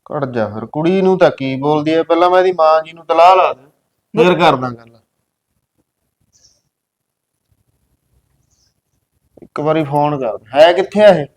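A man's voice: a little high, a little fast, lightly acted. A man playing a hot-tempered young husband who sides with his mother in a family drama. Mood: stern. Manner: blunt, scolding. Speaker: son and husband.

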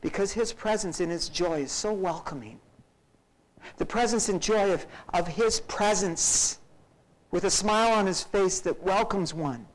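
A man's voice: high voice, a little slow, poor audio. A male pastor preaching a sermon, acting out scenes with shifting voices and dramatic drops to near-whispers. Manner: animated, acts out scenes with varied voices.

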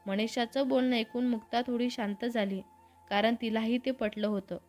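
A woman narrating a romantic story in a steady storytelling manner. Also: on the high side, moderate pace, faint music behind.

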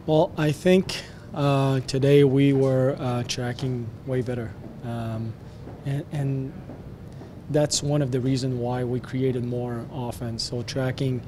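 A man with a French Canadian accent speaks in a flat, even tone, answering reporters after a hockey game. He talks in a measured way, pausing on fillers and restarting phrases. Faint rumble sits behind him. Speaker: hockey head coach. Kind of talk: post-game press interview. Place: arena media backdrop, indoors. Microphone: handheld press mics close.

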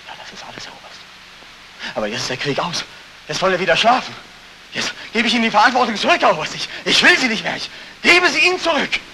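An actor playing a haunted soldier back from war, tormented, swinging between strained cries and hushed whispers, in 1940s film acting. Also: male voice, fairly low pitch, expressive, normal speed, long pauses, rough recording. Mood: agitated. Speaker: war returnee Beckmann. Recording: hissy old 1949 film soundtrack.

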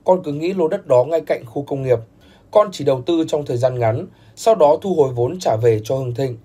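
A man's voice: a little high, normal speed, dark tone, slightly rough. A man voicing a remorseful young grandson who pleads tearfully in a storybook recap. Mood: pleading.

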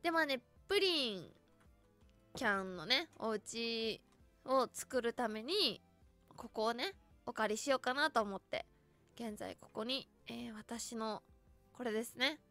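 A woman's voice: a little high, expressive, measured pace, sharp tone, faint music behind. A voice actress giving chatty, casual commentary as she tours a game world and keeps exclaiming in delight.

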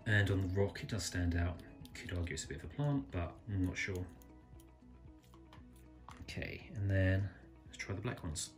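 A man calmly reviewing a small pocket knife, thinking aloud and correcting himself as he goes. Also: sits low, moderate pace, long pauses, faint music behind. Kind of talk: casual product review narration. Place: indoors at a table, filming hands close up.

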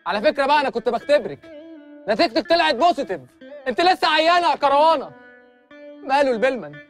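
An actor in an Egyptian sitcom with an Egyptian Arabic accent, scolding in exasperated banter. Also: male voice, very high-pitched, sing-song, rapid-fire, soft background music. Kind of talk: TV sitcom acting.

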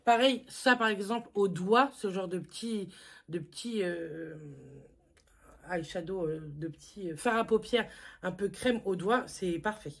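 A woman's voice: mid-range voice, measured pace, creaky. Chatty woman reviewing a makeup haul. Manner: chatty, self-mocking, lots of fillers. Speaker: beauty vlogger.

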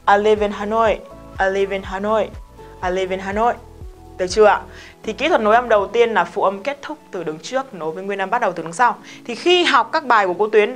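A woman teaching English pronunciation in a Vietnamese accent, brisk and strict, slowly drilling phrases for learners to repeat. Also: on the high side, a bit bright. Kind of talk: recorded online lesson.

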